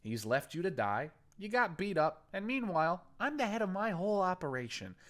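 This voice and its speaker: Reading a story aloud, a man voices a furious, foul-mouthed gang boss who threatens, then coaxes, cursing and shouting menacingly. He pushes his voice up into a high, sing-song register at a moderate pace, the mood ultimately coaxing.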